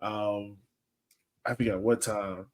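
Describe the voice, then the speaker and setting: With a lowish, darkish voice and a level tone, a man hosting a casual sports podcast takes things slowly. He rambles informally through soccer fan chat and analysis, thinking aloud as he goes.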